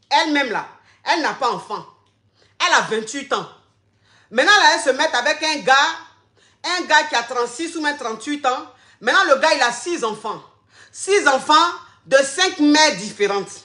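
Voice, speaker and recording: Bright high-voiced woman coach. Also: echoey room. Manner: repeats phrases, calls viewers darling and family. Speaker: relationship coach on a live stream. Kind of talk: live-stream advice talk.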